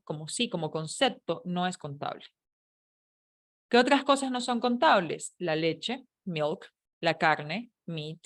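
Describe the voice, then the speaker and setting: Chatty woman teaching English grammar. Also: on the low side. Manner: chatty, playful explaining with jokes and questions to students. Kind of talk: online English lesson taught in Spanish.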